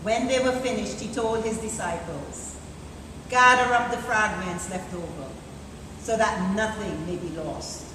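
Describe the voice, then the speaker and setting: A woman serving as deacon reads a liturgical scripture passage very slowly and solemnly, her mid-range voice pushed and bright. It rings through a large church with long reverb during a live service. The recording is distant and echoey, with clear background noise.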